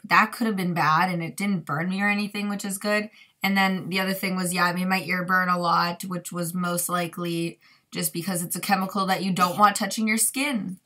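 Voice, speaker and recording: A woman's voice: fairly low pitch, fairly even intonation, brisk, sharp tone, no echo. A teenage girl chatting casually in a vlog, talking through her day with lots of fillers and giggles. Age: teens. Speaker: vlogger.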